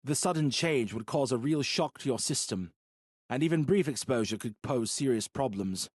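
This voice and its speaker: A calm, earnest leader , as a male narrator voices him, explains the risks in a steady, patient way. His pitch sits in a middle range, a touch above the narrator's own, and the recording is close and dry. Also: normal speed, no echo, lightly acted.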